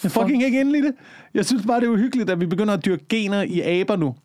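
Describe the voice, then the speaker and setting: A man's voice: sits high, darkish tone, no echo, studio quality. A man in casual chat, hesitant and stumbling as he argues his point.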